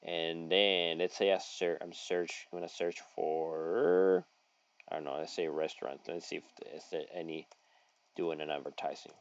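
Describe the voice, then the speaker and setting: A man's voice: sits low, fairly even intonation, no room sound. A middle-aged man giving a screen-share tutorial from a home office, reading an article aloud and adding his own comments, with lots of fillers and restarts. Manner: halting, many fillers and restarts, folksy asides. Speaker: local online marketing consultant. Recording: dry, slightly dull audio.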